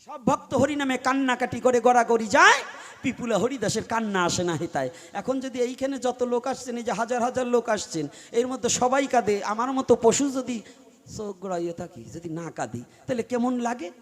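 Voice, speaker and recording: High-voiced man preaching with dramatic swings. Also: lively intonation, moderate pace. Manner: dramatic, swings from loud pleading to low asides. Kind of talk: devotional storytelling sermon. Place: live gathering before a large crowd.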